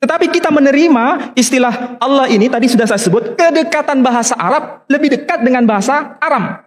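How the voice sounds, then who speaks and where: A man giving a religious history lecture as a preacher, spelling out letters slowly and stressing key terms. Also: very high voice. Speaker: Islamic preacher and scholar.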